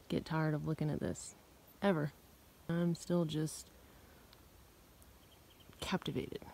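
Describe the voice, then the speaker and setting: Young woman hiker, casual and chatty to her phone on a mountain trail, noisy outdoor sound. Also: mid-range voice. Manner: relaxed, chatty, with many fillers. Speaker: thru-hiker vlogger. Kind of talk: casual hiking vlog. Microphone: phone held at arm's length.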